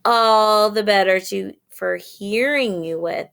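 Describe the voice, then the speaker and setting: A woman's voice: mid-range voice, takes it slowly, vocal fry, fairly bright tone, smooth. A woman doing a sly, growly big bad wolf. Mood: false sweetness. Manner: sly, growly, wobbly when faking grandma. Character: sneaky hungry big male wolf.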